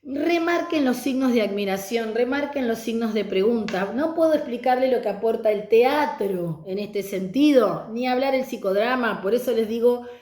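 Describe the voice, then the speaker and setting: A woman's voice: fairly high pitch, moderate pace, hardly any pauses, a little mellow, echoey room. A middle-aged woman teacher giving a conversational online lecture on reading pedagogy.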